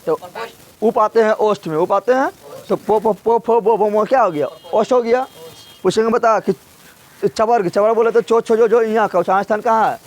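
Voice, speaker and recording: A man's voice: high-pitched, brisk. A man teaching a grammar class, drilling syllables aloud and quizzing and scolding his students.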